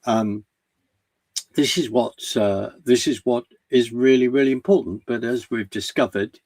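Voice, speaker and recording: A guest commentator in a conversation offers earnest commentary, halting and restarting his sentences often. He has a medium-pitched voice with a darkish tone and no room sound.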